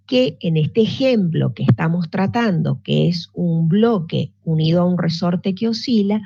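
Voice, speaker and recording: A woman with a mid-range, warm, slightly rough voice and vocal fry leads an online physics class. She explains patiently, restarting often and checking whether students follow. The audio is dull and lo-fi.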